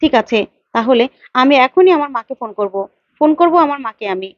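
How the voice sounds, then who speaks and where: A woman's voice: high voice, lively intonation, a little fast, no room sound. Woman voicing a defiant young wife. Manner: indignant, repeats herself, pleading to her mother. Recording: dull lo-fi, dry.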